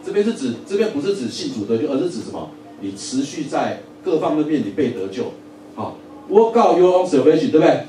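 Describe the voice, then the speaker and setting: A man teaching a Bible lesson in a church Sunday school, lively, often asking the audience questions and joking. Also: medium pitch, a little fast, slight background noise. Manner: lively, asks the audience questions, repeats words, jokes. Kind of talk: sermon-style Bible lesson. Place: church hall. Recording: echoey room from a distance, faint ambience.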